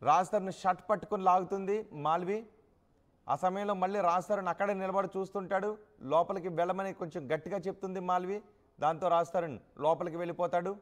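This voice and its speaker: A man's voice: sits high, fairly even intonation, brisk. A man narrating news footage as a voice-over, pointing viewers to the scenes shown and repeating names as he goes.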